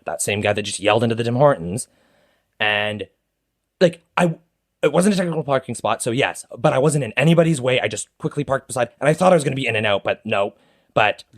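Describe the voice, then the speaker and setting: A man telling a rambling story on a casual podcast, full of fillers and quoted dialogue. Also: medium pitch. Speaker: podcast co-host.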